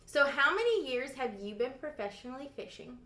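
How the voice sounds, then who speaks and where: A woman's voice: high-pitched, sing-song, a little fast, sharp tone. Playful young woman interviewing, roomy sound. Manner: playful, teasing. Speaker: interviewer and channel host. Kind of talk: casual chat.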